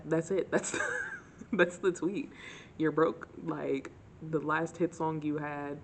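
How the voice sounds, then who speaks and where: A young woman telling dating stories in a casual, sarcastic, animated way to her camera. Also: low voice, gravelly, a little hiss or hum. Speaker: vlogger. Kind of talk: casual storytime chat.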